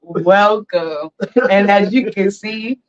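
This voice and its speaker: A woman hosts a casual podcast from a barber chair, chatting into her phone with hyped energy. Her mid-range voice moves at a slow pace, and the phone mic gives it a lo-fi sound.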